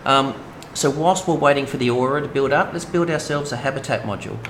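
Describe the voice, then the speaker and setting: A man's voice: medium pitch, quick pace, a bit bright. Chatty Australian man streaming a game. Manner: chatty, rambling, many fillers. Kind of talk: casual let's-play commentary. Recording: noisy home stream audio.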